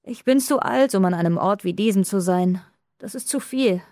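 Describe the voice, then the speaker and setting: A woman voicing a frail, feverish old woman who is dying and speaks slowly, weakly and tenderly. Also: medium pitch, darkish tone, dry recording, clean studio sound, natural voice. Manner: slow, weak and tender. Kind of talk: audiobook dialogue.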